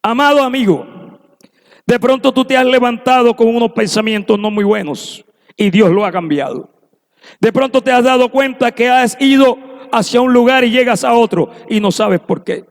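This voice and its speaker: A man's voice: extremely high pitch, moderate pace. A man preaching a sermon in a church, fervent and acting out the voices he quotes. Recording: long echo of a church hall.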